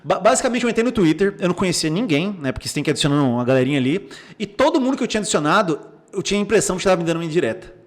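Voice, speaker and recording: A young Brazilian psychologist with a high-sitting voice talks rapid-fire as a guest on a casual podcast. He's an animated storyteller who acts out the remarks he quotes and often restarts his sentences.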